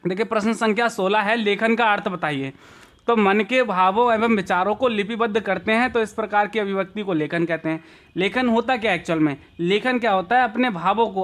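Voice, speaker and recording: Young male teacher from India, high voice, patient exam-prep lecture that rephrases every answer. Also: fairly bright tone. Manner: explains slowly, repeats and rephrases answers, drawn-out examples.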